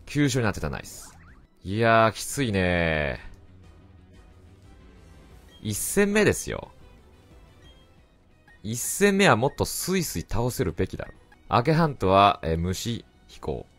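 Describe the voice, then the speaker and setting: Man, game commentary, excitable, low voice, animated delivery. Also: slow, pauses often. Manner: excitable, talks to the game and shouts at it. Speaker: let's play commentator. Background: faint game music.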